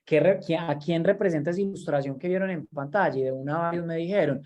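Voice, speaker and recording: The recording is muffled, and the voice is on the high side with a darkish tone and a quick pace. He's a university lecturer and workshop trainer in his 30s running an online training session by video call, talking conversationally and repeating words whenever he's looking for the right one.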